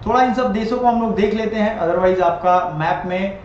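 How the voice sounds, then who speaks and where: A man with a high voice gives a lecture, repeating each point and quizzing his listeners. The recording sounds very echoey and dull, as if captured on a built-in mic in a bare room, with faint noise underneath. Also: normal speed. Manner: repeats items and quizzes the viewer. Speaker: exam-prep teacher. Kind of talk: classroom-style lecture over a map.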